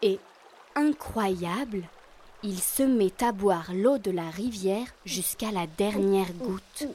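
A woman telling a children's tale in a lively, expressive way. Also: medium pitch, slow pace, a little hiss or hum. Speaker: storyteller. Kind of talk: scripted narration for children. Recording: narration over music.

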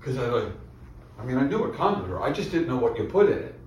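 A man's voice: mid-range voice, sing-song, fast talker, background noise. A man coaching a stand-up student, explaining and joking along encouragingly. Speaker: comedy teacher. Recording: echoey room from far off.

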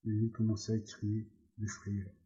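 A man reading a novel aloud as an audiobook, measured with small stumbles, on a slightly dull recording. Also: lowish voice, monotone, mellow. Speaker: reader.

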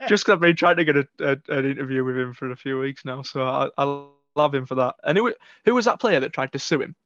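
A man's voice: mid-range voice, fast, a bit bright, dry recording, highs cut off. A man chatting as a guest on a football podcast, stumbling and restarting his sentences. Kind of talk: casual football podcast chat.

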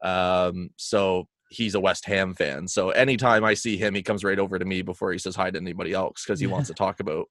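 Young man, low and hesitant. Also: steady tone, brisk, hardly any pauses, fairly bright tone, no echo, clean studio sound. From Canada. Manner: hesitant, many fillers. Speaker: guest podcaster. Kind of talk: casual interview chat.

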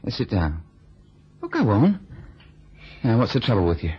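A leering, husky union boss. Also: male voice, on the low side, huge pitch swings, normal speed, heavily acted. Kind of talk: vintage radio drama. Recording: dull lo-fi old radio recording.

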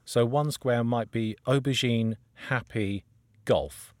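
A man's voice: medium pitch, slow pace, dry recording. A man co-hosting a casual podcast chat, playful, with chuckling asides. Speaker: podcast co-host.

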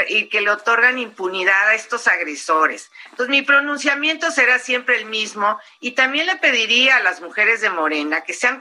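A woman with a Mexican accent, speaking forcefully and emphatically as a guest in an interview. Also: a little high, slight background noise, poor audio.

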